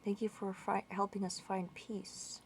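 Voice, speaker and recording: A woman giving casual gameplay commentary, thinking aloud and puzzling over where to go. Her voice sits at mid pitch with a gravelly fry. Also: flat delivery, measured pace, slight background noise. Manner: muttering, thinking aloud, confused questions. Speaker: gamer playing through a walkthrough.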